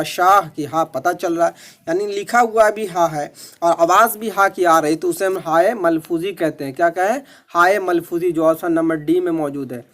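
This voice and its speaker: Man, high-pitched voice, methodical exam tutor, drills each answer twice. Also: fairly bright tone. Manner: repeats questions and answers, methodical. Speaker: teacher. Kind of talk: exam-prep lesson.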